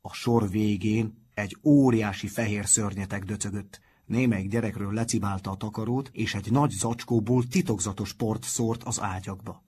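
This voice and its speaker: A man with a husky voice narrating a children's book in a calm, steady storytelling manner. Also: on the low side, few pauses. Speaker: audiobook narrator. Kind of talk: scripted narration.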